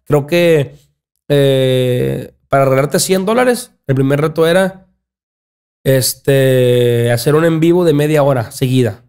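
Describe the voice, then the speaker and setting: A young man with a Sinaloa Mexican Spanish accent, talking casually on a podcast in a small studio, animated and often restarting his words. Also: mid-range voice, slow, clean tone. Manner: animated, gestures a lot, repeats and restarts words. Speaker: podcast guest, content creator. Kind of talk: casual chat. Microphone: studio mic on boom arm, headphones.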